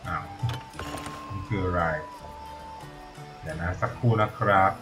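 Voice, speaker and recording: A man's voice: deep voice, a little slow, loud music behind the voice. Man rambling through a game tutorial. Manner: rambling, thinks aloud, swears casually. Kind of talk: casual gameplay commentary.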